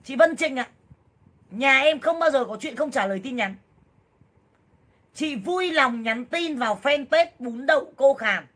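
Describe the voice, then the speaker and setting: Loud, excitable woman chatting on a livestream. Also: high-pitched, a little slow, long pauses. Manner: loud, excitable, blunt and jokey, with exclamations. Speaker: livestream seller and vlogger. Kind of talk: casual livestream chat with viewers.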